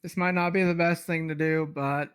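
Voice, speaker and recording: A man playing his character in a tabletop game, speaking earnestly and haltingly, with some crude swearing. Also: a little high, steady tone, a little hiss or hum. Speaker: player. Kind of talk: in-character role-play.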